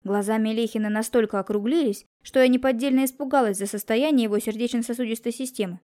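A woman reading a first-person detective story as an audiobook, in a calm and composed manner. Her voice sits fairly high. She keeps the narration steady and measured.

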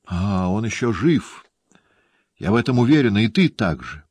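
Man reading a terrified young woman, pleading and strained, pitched up, dry close sound. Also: animated, a little slow, husky, no echo, heavily acted.

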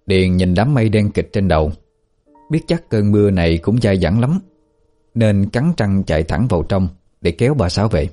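A man reading a ghost story aloud as a storyteller, in an even, unhurried narration. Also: lowish voice, faint music behind. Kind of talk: scripted horror narration.

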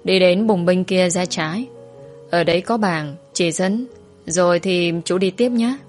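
A woman's voice: lowish voice, a little slow, a little mellow, soft background music, natural voice. A woman voicing a polite, timid little schoolgirl in a spoken storybook, keeping close to her own reading voice.

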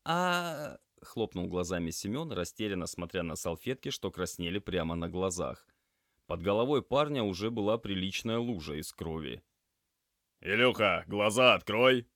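A man narrating a story in an even, measured reading voice. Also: low-pitched, dry recording, clean studio sound. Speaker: audiobook narrator. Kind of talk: scripted narration.

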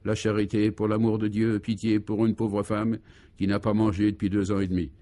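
Man doing a shaky-voiced old beggar lady for a radio story, soft and pleading. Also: lowish voice, flat delivery, normal speed, natural voice. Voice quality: quavering. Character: ragged, begging old woman. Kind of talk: 1950s radio comedy acting.

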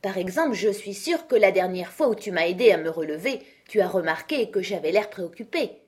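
A woman voicing an earnest, solemn male knight who is proud of his clumsy inventions, read in a breathy voice for a storybook. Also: medium pitch, lively intonation, brisk. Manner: grave, proud, rambling explanations. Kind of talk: audiobook character reading.

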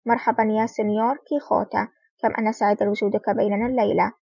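A woman voicing a cunning female crime boss who speaks softly with a menacing edge. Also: mid-range voice, little pitch movement, racing, vocal fry, breathy edge, no room sound. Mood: silky. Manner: soft-spoken with a menacing edge. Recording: dull lo-fi recording.

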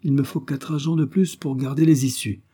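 A man's voice: mid-range voice, steady tone, a little fast, mellow, husky, voice pushed up, close to an everyday voice. A man voicing a pompous, blustering police commissioner who barks orders in a raised voice. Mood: commanding. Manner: bossy, repeats "no doubt about it".

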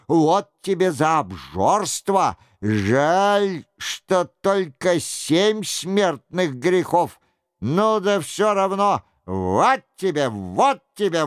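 A man's voice: high-pitched, smooth, no echo, studio quality, full character voice. A man voicing a vengeful jester who mocks and taunts in an audiobook. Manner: taunting, mocking. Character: mocking vengeful court jester, gleeful. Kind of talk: audiobook character voice.

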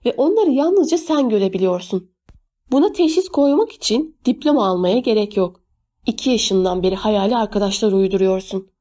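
A woman's voice: medium pitch, expressive, a little fast, mellow, close to an everyday voice. A woman voicing a worried mother who confronts her teenage son with firm, insistent words in an audiobook reading. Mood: firm, anxious.

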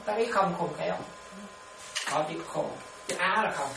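With a gravelly, fairly low voice at normal speed, a woman teaches meditation as a Buddhist nun in a dharma talk. She laughs often and lively checks, through repeated questions, that everyone keeps up; the sound is noisy and echoey from a distant mic.

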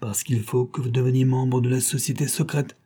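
A man's voice: mid-range voice, little pitch movement, fairly quick, mellow, husky, natural voice. Man voicing a pushy scheming villain. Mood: threatening. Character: scheming clubman villain, eager, threatening.

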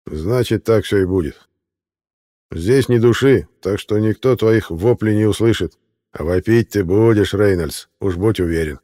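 A man's voice: lowish voice, a little slow, dark tone, lightly acted. A man voicing a sneering hitman in an audiobook. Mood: gloating. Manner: gloating, then panicked pleading. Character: menacing bearded male hitman, gloating. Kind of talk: audiobook character reading.

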